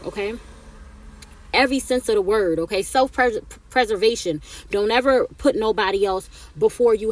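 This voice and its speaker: Chatty woman in her thirties. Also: a little high. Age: 30s. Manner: chatty, repeats herself, tags lines with "right?" and "okay?". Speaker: vlogger giving life advice. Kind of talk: casual advice talk to camera.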